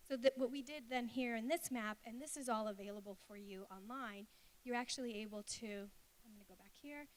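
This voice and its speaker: A woman's voice: fairly high pitch, poor audio. A woman giving an informal presentation, explaining things in a conversational, hesitant way. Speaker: conference speaker. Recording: hissy live talk recording.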